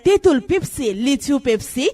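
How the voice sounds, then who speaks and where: Very high Bangladeshi female ad announcer. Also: expressive, normal speed, warm tone. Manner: slogan-chanting sales patter. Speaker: advertisement announcer. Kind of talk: scripted promotional ad read.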